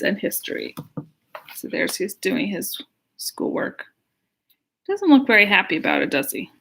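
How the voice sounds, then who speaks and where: Speaking at a medium pitch with a fairly bright tone, an American pastor runs a casual storytime livestream. She chats easily with children and poses simple questions to her young audience.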